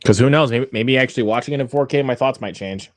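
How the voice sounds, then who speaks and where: A young man talks loosely with his friends over a movie, laughing easily and often losing the thread of a sentence before starting it again. His voice sits at an ordinary pitch, and the sound is dry and close, with no room around it. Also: fast, no room sound. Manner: laughs often, trails off and restarts mid-sentence. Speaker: co-host of a watch-along. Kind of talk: casual chat among friends.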